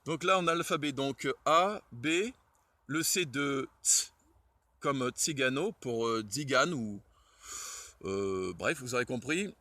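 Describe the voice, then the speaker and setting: A man's voice: mid-range voice, expressive, a little slow, pushed and bright, dry recording. Hesitant French-speaking man giving a lesson. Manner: hesitant, many fillers and self-corrections. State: shivering from the cold. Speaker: Esperanto enthusiast presenting the alphabet. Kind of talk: casual spoken lesson. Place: outdoors in the cold.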